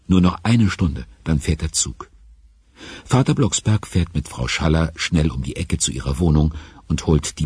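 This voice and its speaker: A man narrating a children's radio play in a calm, storybook way. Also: a bass voice, breathy edge, dry recording, clean studio sound.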